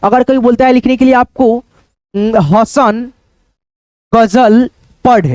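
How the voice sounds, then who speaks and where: A man's voice: very high voice, steady tone, moderate pace, a little mellow, clean tone, no echo. A man teaching Hindi reading and writing in an online lesson, patiently sounding out words syllable by syllable and repeating them.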